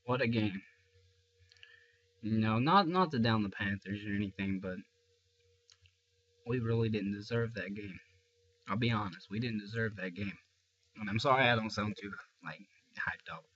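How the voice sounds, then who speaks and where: In a casual fan rant to camera, a young sports fan vlogger with a stuffy, tired voice rambles frankly about a game, restarting a lot and pausing often. He sounds congested and tired, with a fairly low pitch, normal speed and a fairly bright tone, on a dull lo-fi recording.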